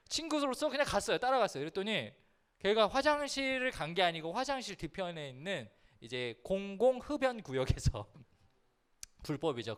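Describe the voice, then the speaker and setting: A youth pastor with a high voice that swings widely up and down as he tells a funny story from his school days. He talks straight to the young people in front of him, keeping the sermon light and playful. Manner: lively, humorous, addresses listeners directly.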